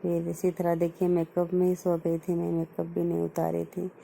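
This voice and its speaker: A young woman chats to her vlog viewers in a hushed, gravelly voice with a very dark, mellow tone. She talks quietly at home, often calling her audience friends, with a faint hiss behind her. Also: on the low side, monotone, normal speed, low-quality recording. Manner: chatty, keeps addressing viewers as friends; speaking softly while others sleep. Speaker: vlogger. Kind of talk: casual vlog chat.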